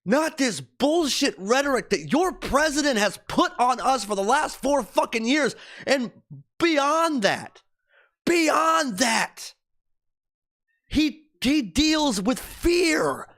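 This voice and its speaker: A man's voice: very high-pitched, lively intonation, takes it slowly, a bit bright. A man hosting a livestream, venting in a heated, profane rant with repeated emphasis. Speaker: livestream host. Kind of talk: angry political rant.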